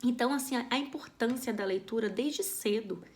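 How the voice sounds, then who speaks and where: Brazilian woman educator, lively teacherly explainer, somewhat high voice. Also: fairly quick. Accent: Brazilian Portuguese. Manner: animated, teacherly, with frequent "né?" tags. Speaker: school educator. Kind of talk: explanatory talk about early literacy.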